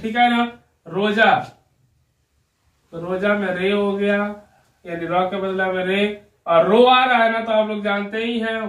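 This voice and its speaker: A man teaching an Urdu spelling lesson, patient and steady, checking again and again that the learner follows and quizzing them. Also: high-pitched, recorded from a distance. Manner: patient, keeps asking "ठीक है ना" and quizzing the learner. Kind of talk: slow spelling lesson at a whiteboard. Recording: roomy echo, voice a little off-mic.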